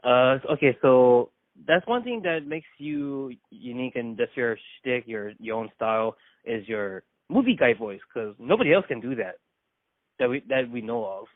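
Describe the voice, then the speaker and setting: A man's voice: mid-range voice, lively intonation, normal speed, no echo. A young man from Hawaii hosting a casual phone interview, giggling and rambling with many fillers. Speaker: host. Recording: dry tinny phone line.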